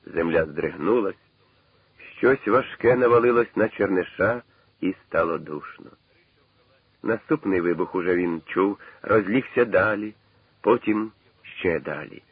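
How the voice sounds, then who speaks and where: A man with a deep, husky voice reads a novel aloud in a measured, dramatic way. The recording is dry and tinny, with the narrow sound of an old radio broadcast. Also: no echo. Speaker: narrator. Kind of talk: dramatic literary reading.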